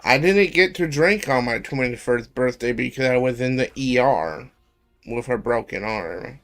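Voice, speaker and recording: A man in his twenties chatting casually on a live stream, rambling with lots of ums and pauses. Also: mid-range voice, lively intonation, fairly bright tone. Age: 20s.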